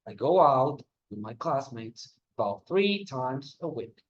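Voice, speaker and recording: A man's voice: medium pitch, very animated. Lo-fi male English teacher. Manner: explains slowly and gives classroom instructions. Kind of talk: video lesson. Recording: dull lo-fi sound.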